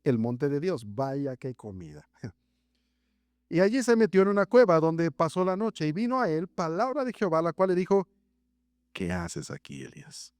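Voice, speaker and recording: A man preaches a sermon, acting out the voices in the text with large dramatic leaps in pitch. His voice sits somewhat high, and the sound is close and dry with little room reverb. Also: very animated, moderate pace, a little mellow, clear, resonant tone. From Mexico. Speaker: pastor. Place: church sanctuary.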